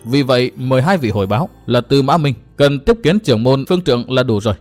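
A man's voice: mid-range voice, lively intonation, quick pace, darkish tone, faint music behind, close to an everyday voice. Guy playing an icy young swordsman, short and formal with everyone. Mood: cold. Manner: cold, terse, formal. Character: proud, cold young male swordsman.

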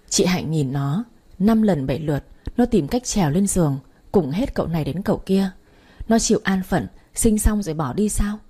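A woman narrating a dramatic audiobook story in a steady voice. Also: on the low side, slightly rough.

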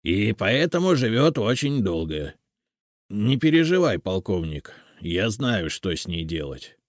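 A grim little house spirit, put on by a male narrator, measured and sure of himself, with a lowish voice that still rises and falls with feeling. The reading is dry and close, in an audiobook. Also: dry recording. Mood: stern. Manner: calm, confident, slow and firm.

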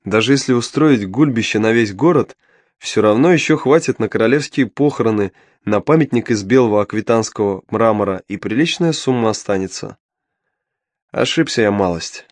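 A man's voice: lowish voice, normal speed, no echo. A man narrating an audiobook in the first person, with a wry, ironic storytelling manner.

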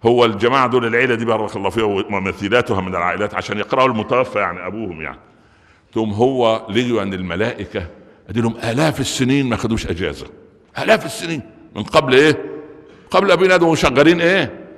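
A man's voice: mid-range voice, racing, fairly bright tone. A man with an Egyptian accent preaching a Friday sermon, joking and firing off rhetorical questions. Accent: Egyptian Arabic. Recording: long reverb of a large hall.

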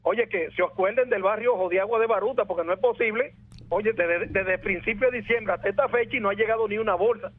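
A man's voice: sits high, fast talker. A man with a Venezuelan accent, calling in over the phone to a radio show and earnestly voicing a neighborhood complaint. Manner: earnest, keeps saying "oye" and "hermano". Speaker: caller. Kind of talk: call-in complaint. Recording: dry, tinny phone line.

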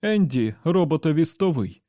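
A man doing a tense young man shouting urgently. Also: a little high, normal speed, no echo, clean studio sound, voice pushed up, natural voice. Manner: urgent, raised, clipped.

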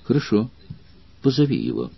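A man with a husky voice reading the lines of a passionate noble Roman woman in an audiobook, soft and anxious, often near a whisper. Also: medium pitch, wildly swooping pitch, moderate pace, highs cut off, pitched above the performer's own voice, full character voice. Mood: commanding.

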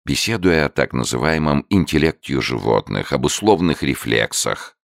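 A man reads an audiobook in a very deep, gravelly voice, slow and measured. His pitch still moves in lively arcs as he gives the story expression. The sound is dry and close to the mic. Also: no echo. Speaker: narrator. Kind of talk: audiobook narration.

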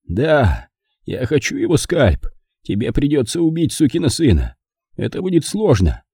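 A man's voice: a little high, huge pitch swings, mellow, breathy edge, no echo, clean studio sound, pitched above the performer's own voice, exaggerated voice. A man voicing a dying older frontiersman uncle who speaks weakly and grimly, coughing between words. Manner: weak, halting, grim.

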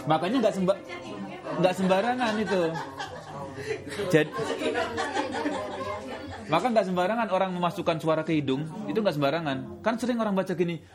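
A man teaching Quran recitation rules in a casual classroom way, often slowing down to demonstrate sounds in a drawn-out voice. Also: high voice, a crowd in the background. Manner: relaxed, repeats filler words often.

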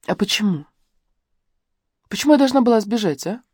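A woman's voice: mid-range voice, lively intonation, brisk, a little mellow, slightly rough, no echo, clean studio sound, voice pushed up. A woman reading an audiobook and voicing a defiant young woman who challenges sharply and edges toward hysteria. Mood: alarmed. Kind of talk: audiobook dialogue.

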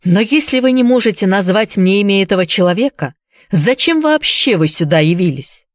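A woman's voice: mid-range voice, animated, normal speed, no room sound, clean studio sound, pitched above the performer's own voice, lightly acted. A woman voicing a fierce, sarcastic young woman. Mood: demanding. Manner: sarcastic, demanding.

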